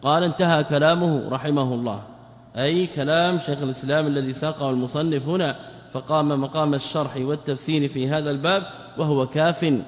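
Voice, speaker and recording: A man's voice: on the high side, steady tone, fast talker. A male scholar teaching grammar in a classroom lesson, repeating words and quizzing his students with questions. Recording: long reverb of a large hall.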